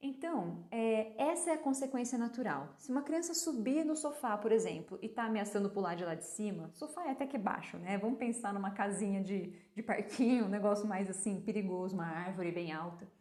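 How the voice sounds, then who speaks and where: Speaking briskly with few pauses in an animated, mid-range voice, a woman who teaches parenting chats on a live stream about raising kids. She explains by asking and answering her own questions, and role-plays gentle talks with a child; the audio sounds roomy.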